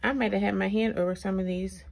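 Quick-paced and fairly even in intonation, this medium-pitched voice has vocal fry. The woman, a planner reviewer and video host with braces that slightly impede her speech, gives a chatty, casual walkthrough while thinking aloud and reading items out. Recorded indoors as an overhead hands-only tabletop shot, the clip has noticeable background noise with clicks.

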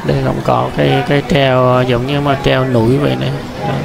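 A man's voice: medium pitch, little pitch movement, brisk, vocal fry, over music, rough recording. A man giving casual walking-tour commentary through a large indoor amusement park, chatty, talking straight to his viewers with many fillers and restarts.

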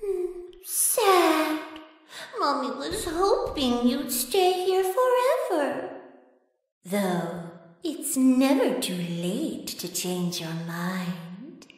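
A woman voicing a sadistic, sugary toy mommy in a video game, theatrical and singsong, with drawn-out gushing delivery. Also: high voice, very animated, exaggerated voice. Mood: mock proud, wistful. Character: menacing long-limbed toy mommy, sugary sweet and sadistic. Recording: echoing hall reverb, music behind.

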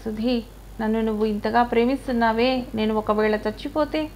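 Woman reading as a young army guy, soft loving talk, voice a bit high. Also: fairly even intonation, normal speed, slight background noise, lightly acted. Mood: tender. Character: young male army captain, tender bridegroom.

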